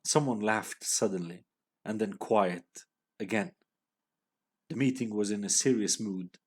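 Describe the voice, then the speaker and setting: A male teacher reading a short story aloud in a lesson, slow and halting, with small fillers and self-corrections. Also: fairly low pitch, a little mellow, breathy edge.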